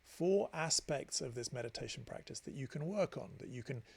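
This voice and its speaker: A man's voice: mid-range voice, lively intonation, moderate pace, gravelly, a little mellow, breathy edge. A man teaching a meditation class, explaining ideas in a chatty storytelling way with self-deprecating asides. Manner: gives friendly explanations with frequent restarts. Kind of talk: informal class talk.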